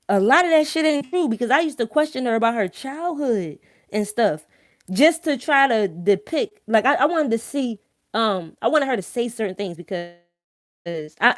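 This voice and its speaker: A woman with a slightly high voice and a thick Philadelphia accent talks informally to her live-stream viewers, recorded dry with clean studio sound. She's opinionated, blunt and emphatic, uses slang and swears freely. She repeatedly asks tag questions to make sure everyone follows.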